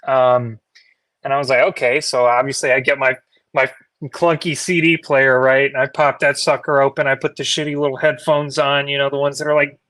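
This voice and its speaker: A man telling a personal story casually, in a laid-back, halting conversational way. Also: mid-range voice, flat delivery, fairly bright tone, dry recording.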